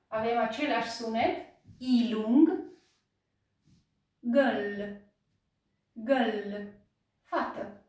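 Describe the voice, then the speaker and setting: A woman with a Romanian accent, teaching slowly and patiently, praising each repetition in a drill. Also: a little high. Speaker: English teacher. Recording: very echoey room, voice from a distance.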